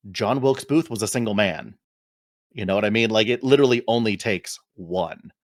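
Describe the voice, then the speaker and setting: Low-voiced man musing on a podcast. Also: no echo, studio quality. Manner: measured, many "you know" fillers. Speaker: podcast co-host. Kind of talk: casual chat.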